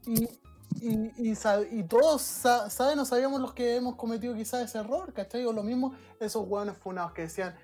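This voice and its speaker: Chilean female co-host, a bit high-pitched, blunt and foul-mouthed, faint music behind. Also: brisk, darkish tone. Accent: Chilean Spanish. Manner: blunt, profane. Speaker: podcast co-host. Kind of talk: casual chat.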